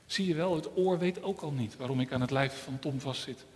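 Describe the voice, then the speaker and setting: A small dejected pinky finger, put on by a man; quiet and low, church reverb. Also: brisk, slight background noise, lightly acted. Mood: sad. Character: sad little pinky finger.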